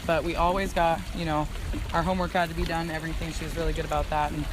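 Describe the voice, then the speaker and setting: A woman's voice: deep voice, flat delivery, quick pace. A woman in her twenties from Alaska, chatting and pointing out wildlife as a boat tour guide, laughing easily. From Ketchikan, Alaska. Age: 20s. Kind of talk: guided tour commentary and casual chat. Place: outdoors on a boat on the water. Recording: boat and water noise.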